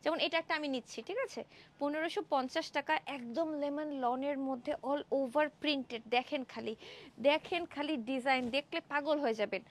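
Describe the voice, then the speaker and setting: A young woman from Bangladesh hosting a live-stream clothing sale, chatty and excited, exclaiming over dresses in an indoor showroom. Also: sits high, normal speed. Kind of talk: Facebook live sales pitch.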